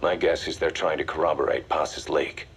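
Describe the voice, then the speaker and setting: An actor playing a military intelligence strategist in a video game, delivering a grave, deliberate, commanding briefing. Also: male voice, rumbling low, steady tone, a bit bright, slightly rough, heavily acted. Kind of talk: video game voice acting, mission briefing dialogue.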